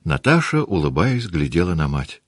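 A man narrates a classic novel in a measured, expressive way. His voice sits very low but moves a lot in pitch. The recording is close and dry, with no room sound. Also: dry recording. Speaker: audiobook narrator. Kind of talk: scripted literary narration.

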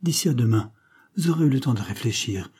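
A man's voice: mid-range voice, animated, brisk, warm tone, husky. A man voicing a desperate young woman who pleads with her uncle in a read-aloud novel. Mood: pleading. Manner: imploring.

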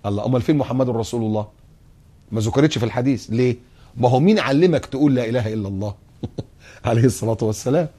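A man with an Egyptian accent giving a religious lesson on a TV show, acting out little scenes and drawing out his recitations. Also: medium pitch. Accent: Egyptian Arabic. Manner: animated, acts out scenes and recites slowly. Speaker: preacher. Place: TV studio.

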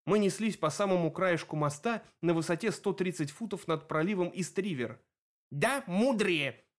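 A man reading a first-person audiobook narration in a lively, expressive way. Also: high-pitched, fairly quick.

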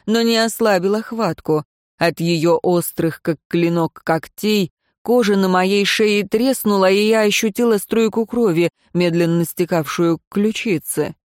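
Woman, audiobook narrator, lowish voice, calm measured pace, dry close recording. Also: dry recording. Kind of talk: first-person fantasy narration.

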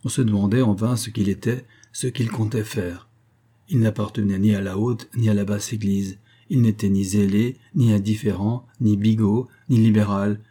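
Low mellow male audiobook reader. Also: steady tone, normal speed, slightly rough. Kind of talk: literary reading of a classic novel.

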